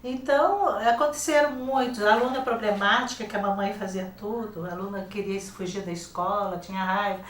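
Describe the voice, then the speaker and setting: An older woman with a Brazilian Portuguese accent, a teacher and guest author, tells classroom stories in a casual TV studio interview, acting out the quoted dialogue in a lively way. Her medium-pitched voice moves briskly with hardly any pauses. She's far from the mic, so the sound is roomy and off-mic with a little hiss or hum.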